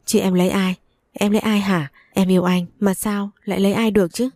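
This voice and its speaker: Brief: woman doing pleading lovesick young man, mellow tone. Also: medium pitch, flat delivery, a little fast, no room sound, close to an everyday voice. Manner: pleading, soothing.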